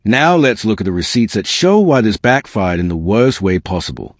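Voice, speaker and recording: A man's voice: fairly low pitch, sing-song, normal speed, dry recording, studio quality. A man narrating a scripted exposé as host, with a smug, sarcastic, dramatic delivery and slangy phrasing. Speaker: host of a celebrity gossip video channel.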